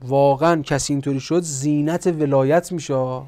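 Male preacher, slightly high voice, dramatic sermon delivery with loud exhortations and quiet recitation. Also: fairly even intonation. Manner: swings between quiet reflection and loud scolding exhortation; recites Arabic verses. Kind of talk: religious sermon.

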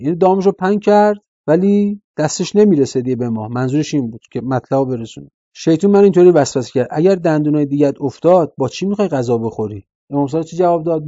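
Earnest Persian preacher man, mellow voice. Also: a little high, no echo, lo-fi sound. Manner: earnest, asks listeners "right?" often. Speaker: religious speaker. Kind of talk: religious sermon.

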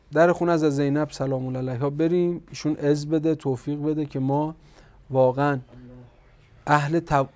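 A man preaching a religious sermon, reciting Arabic verses and swinging between quiet reflection and loud, scolding exhortation. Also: fairly high pitch.

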